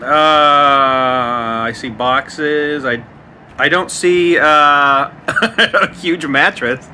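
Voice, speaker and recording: Man behind the camera, bright crisp voice, agreeable, faint outdoor noise. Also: a little high. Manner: agreeable, quick affirmations. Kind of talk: casual chat. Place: outdoors at a metal storage unit.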